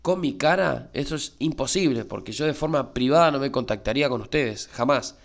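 This YouTube crypto host talks a little fast, his mid-range Argentine-accented voice slightly creaky. His relaxed market commentary is conversational and friendly, peppered with repeated "eh" fillers and frequent "¿sí?" check-ins with his audience.

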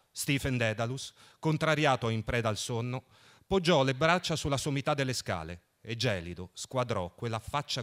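A man reading a novel aloud at a book festival in a measured, expressive way. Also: mid-range voice. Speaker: reader.

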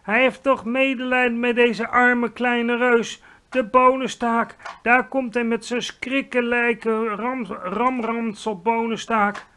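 A man's voice: very high voice, flat delivery, extremely slow, few pauses, pushed and bright, voice pushed up, heavily acted. A man voicing a huge brutish child-eating giant, screeching and pleading in panic, in a storybook read-aloud.

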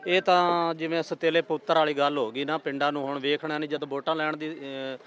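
A man's voice: a little high, little pitch movement, a little fast, a bit bright. A man, a villager earnestly describing flood losses outdoors. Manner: earnest complaint, plain explanation. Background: crowd of villagers.

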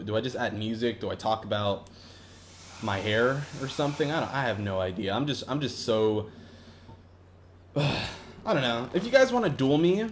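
A man's voice: mid-range voice, a little hiss or hum. A young man giving casual, rambling gameplay commentary, swearing often and restarting his sentences. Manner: rambling, profane, with frequent restarts. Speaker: gaming YouTuber.

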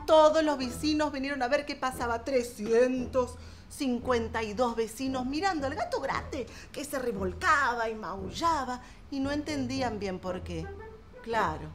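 A woman telling a children's story, playful and expressive, acting out sound effects. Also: fairly high pitch, a little slow, over music.

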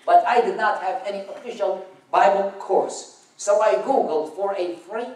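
This Iraqi-born man, an Arabic native speaker, sits high in pitch and talks at normal speed with a slightly mellow quality. As a guest speaker in a church auditorium, he delivers a personal testimony full of dry humor, and the distant camera picks up plenty of echo.

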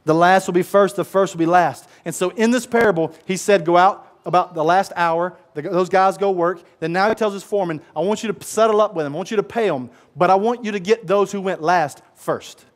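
A man with a fairly high voice preaches a sermon, lively and conversational in his delivery. He acts out the voices of the characters in his story and speaks directly to his congregation. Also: fairly quick, hardly any pauses. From United States. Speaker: pastor.

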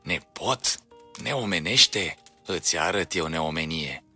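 Storybook brute, slow and booming, mocking and menacing, deep husky tone, as a narrator puts him on. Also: male voice, pushed and bright, soft background music, heavily acted. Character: menacing brutish man, voice stolen by a dragon.

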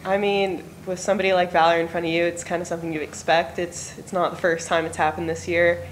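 Young woman player, low flat voice, short matter of fact answers at a press table. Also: fast talker, slight background noise. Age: young adult. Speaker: college softball player. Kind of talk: postgame press conference answers. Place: press conference room, indoors. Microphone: table microphone.

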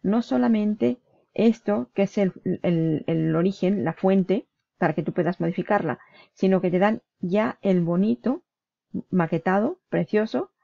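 A woman with a medium-pitched, mellow voice and vocal fry speaks at a measured pace during a casual screen-share walkthrough. As an online business vlogger, she's chatty, often checks in with "¿vale?", and corrects herself mid-word. The audio is muffled, with no echo.

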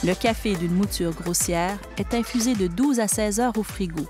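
A woman with a Québécois French accent giving scripted narration for a food report, in an even, measured delivery. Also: mid-range voice, over music.

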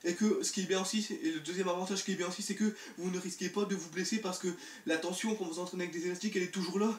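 A young fitness YouTuber energetically leads a bedroom leg workout, exercising as he talks and counting reps while urging viewers on between breaths. His voice is high and rapid-fire, and the camera mic from across the room makes it sound far off in an echoey space.

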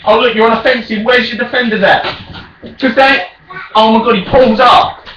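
A British man trash-talking as a raging gamer during an online football game, shouting and taunting his opponent. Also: very high voice, steady tone, moderate pace, lo-fi sound. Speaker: video game player. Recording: echoey room, distant mic, faint noise.

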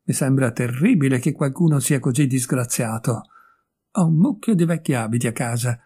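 A man voicing a kind-hearted, easily flustered young gentleman in an audiobook, earnest and quick to protest. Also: mid-range voice, breathy edge, lightly acted. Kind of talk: audiobook character voice.

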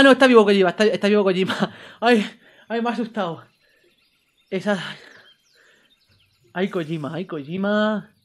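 A man with a Spain Spanish accent giving let's-play gameplay commentary, excitable and swearing freely, swinging from low muttering to yelled outbursts. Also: a little hiss or hum. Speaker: gaming YouTuber.

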